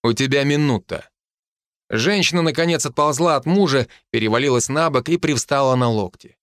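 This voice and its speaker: Man narrating a dark fantasy audiobook. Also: medium pitch, fairly quick, no echo. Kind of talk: scripted first-person narration.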